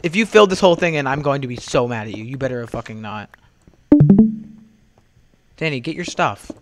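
Bossy young man yelling over voice chat. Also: mid-range voice, animated, brisk, loud music behind the voice. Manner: bossy, swearing, shouts at teammates. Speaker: gamer. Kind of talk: casual gaming voice chat.

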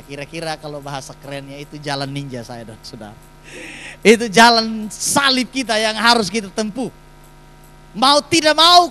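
A man's voice: high voice, bright, forceful tone, slight background noise, poor audio. A man, preaching a sermon in a church and putting emphatic rhetorical questions to the congregation. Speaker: pastor.

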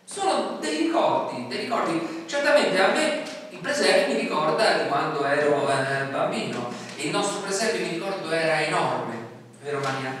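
A middle-aged man from Italy gives a relaxed, conversational sermon in a small church hall. His voice sits a little high and he often puts questions to the congregation. The sound is roomy, with long reverb and faint background noise. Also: normal speed, distant mic. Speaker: pastor. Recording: echoey hall, voice from afar.

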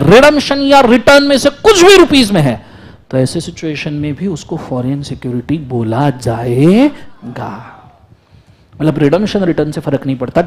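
A high, animated male lecturer teaches a classroom. His voice swoops widely as he drills students and asks them to answer aloud. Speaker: law lecturer.

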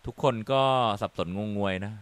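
A man's voice: normal speed, no room sound. A man playing a horror game, narrating his moves and exclaiming in fright as he goes. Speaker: gaming YouTuber. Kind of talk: horror game let's play commentary. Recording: game music loud behind the voice.

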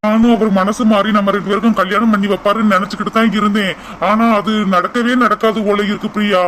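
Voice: medium pitch, level tone, fast, a bit bright, a little hiss or hum, lightly acted, rough recording. An earnest young man in a cartoon, voiced by an actor, coaxing and reassuring the woman he loves in a Kanyakumari Tamil accent. He keeps repeating her name as he talks her round. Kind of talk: cartoon voice acting.

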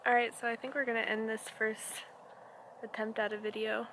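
A woman's voice: a little high, little pitch movement, a little fast, fairly bright tone. A woman in her early twenties with an American accent, chatting casually and tentatively as a self-conscious vlogger outdoors. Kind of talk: casual vlog chat. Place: outdoors on wooded trail and open prairie. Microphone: camera at arm's length. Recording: noisy outdoor handheld camera audio.

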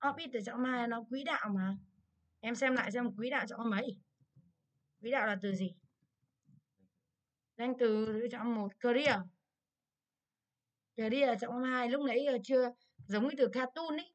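A Vietnamese-accented woman teaches English, working briskly through an exam in a review lesson. She keeps asking questions to check understanding, her voice pitched a little high.

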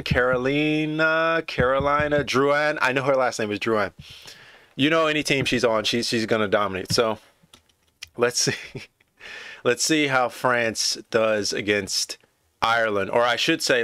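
Bright-voiced man chatting through a match. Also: mid-range voice, clear, resonant tone, no room sound, clean studio sound. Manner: chatty, excitable, talks straight to viewers. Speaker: streamer reacting to a rugby match. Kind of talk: casual live reaction commentary.

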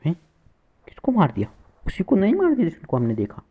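A man's voice: fairly high pitch, wildly swooping pitch, fairly quick, phone-quality sound, slight background noise. A man giving playful, boastful live commentary to viewers while playing a shooter game, with gunfire behind him. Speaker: gaming streamer.

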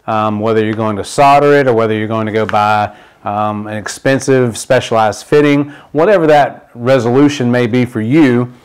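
A man's voice: mid-range voice, clear, resonant tone. A middle-aged man with a mid-range voice walks through a repair at an indoor demo table. He explains each step plainly, with frequent "uh" and "um" fillers. It is a straightforward product demonstration.

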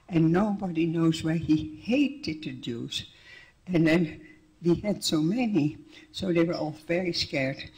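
Speaking as a guest to an audience, an older woman from the Netherlands tells a personal story in a plain, wry manner, restarting sentences now and then, with a Dutch accent. Her voice is low, darkish in tone, and slightly rough, and the recording itself is rough.

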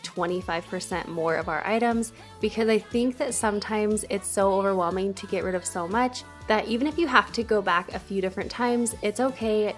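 A young woman, a home cleaning vlogger, gives a casual voice-over for her decluttering vlog. Chatty and encouraging, she often doubles words for emphasis, speaking at a middle pitch over soft background music.

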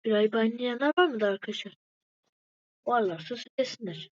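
A woman with a fairly high voice chats through her gameplay, turning to her viewers every few words. The sound is dull and lo-fi, close and dry with no room around it. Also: animated, brisk, no room sound. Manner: chatty, keeps addressing viewers as friends. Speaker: gaming video maker. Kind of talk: casual gameplay commentary.

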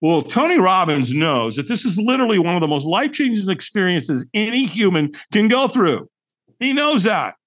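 Man, middle-aged, podcast guest, animated storytelling, emphatic and profane, lively swooping high voice. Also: moderate pace. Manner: emphatic, colorful and profane, acts out his own thoughts.

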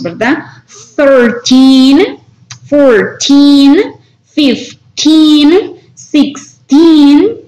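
A woman English teacher leading a slow counting drill in an online class, patiently saying each number clearly. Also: high-pitched, darkish tone, echoey room, low-quality recording.

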